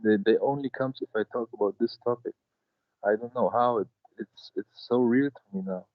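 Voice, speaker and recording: A man in his late twenties from Germany, calling into a live show and telling a personal story in a halting way. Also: medium pitch, no room sound, highs cut off. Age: late 20s. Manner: halting, with many fillers and restarts. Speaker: caller.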